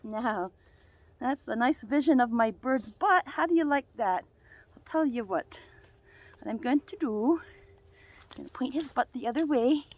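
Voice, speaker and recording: A woman's voice: fairly high pitch, lively intonation, moderate pace, long pauses. A woman vlogging outdoors on a farm, talking to her pet goose in cooing baby talk and chuckling often. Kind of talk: casual outdoor vlog with pet geese. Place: outdoors on a cold farm property. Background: geese honking.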